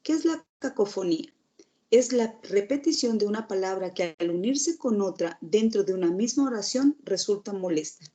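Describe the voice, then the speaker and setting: Mellow-voiced woman teacher explaining. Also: mid-range voice, expressive, moderate pace. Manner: explanatory, asks the class rhetorical questions. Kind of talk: recorded online lecture.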